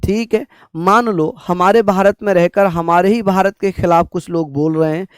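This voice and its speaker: A man's voice: high-pitched, steady tone, normal speed, clean tone, no room sound. A young man teaching an online exam-prep lecture, repeating points and calling students his brothers and sisters.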